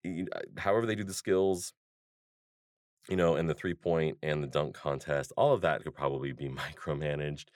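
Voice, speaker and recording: A man's voice: a bass voice, moderate pace, a little mellow, no room sound, clean studio sound. A man hosting a podcast, talking through his ideas in a loose, rambling monologue full of fillers and restarts. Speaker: podcast host.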